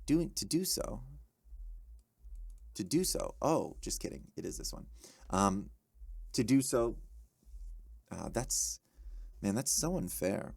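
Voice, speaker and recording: A man tutoring for a test, thinking aloud as he works practice questions, correcting himself often and tossing in quick exclamations. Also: on the low side, creaky, breathy edge, no echo, studio quality. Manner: animated, self-correcting, quick asides and exclamations.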